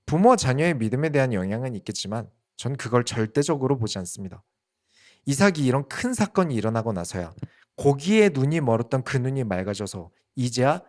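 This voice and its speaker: A male pastor giving a sermon in an animated way, asking the congregation questions. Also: medium pitch.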